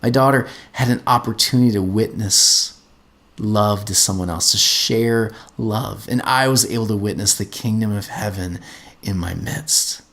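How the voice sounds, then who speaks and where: A man's voice: lowish voice, moderate pace, a bit bright. A middle-aged man, a podcast host, telling a personal story in an earnest way and often repeating words as he gets going.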